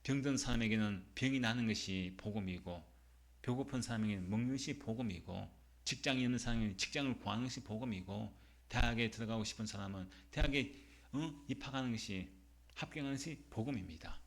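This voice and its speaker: A male pastor preaching a Sunday sermon, emphatic, posing rhetorical questions and reading scripture slowly. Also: fairly low pitch. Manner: reads scripture slowly and deliberately.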